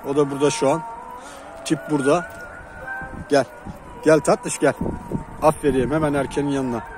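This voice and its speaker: A man filming his pigeon loft outdoors in a city, chatting casually and calling loudly to coax his birds in. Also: a little high, fairly even intonation, moderate pace. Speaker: pigeon keeper and channel host. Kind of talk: casual outdoor vlog chat. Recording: noisy outdoor recording. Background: birds and city traffic.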